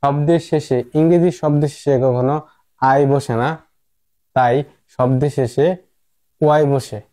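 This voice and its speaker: A man, an English teacher giving a slow phonics lesson, repeating words and asking rhetorical questions. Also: medium pitch, fairly even intonation, warm tone.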